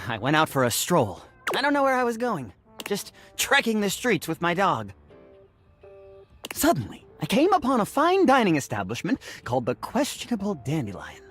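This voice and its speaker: An actress playing a dramatic, self-serious video game character who narrates with theatrical, deadpan earnestness. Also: female voice, low voice, normal speed, husky, faint music behind, heavily acted. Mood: brooding, dramatic.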